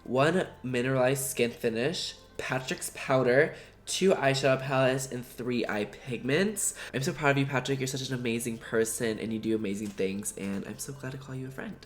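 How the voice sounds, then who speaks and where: A man's voice: medium pitch, normal speed, soft background music. Stuffed-up nasal man gushing over makeup. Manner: gushing, slangy, chatty. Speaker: beauty vlogger. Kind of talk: makeup review vlog.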